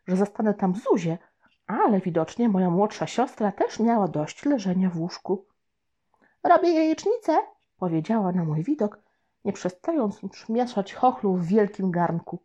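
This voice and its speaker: Mellow, breathy woman reading a children's story. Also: mid-range voice, normal speed. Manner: gentle, expressive storytelling. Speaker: audiobook narrator. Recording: dull lo-fi recording.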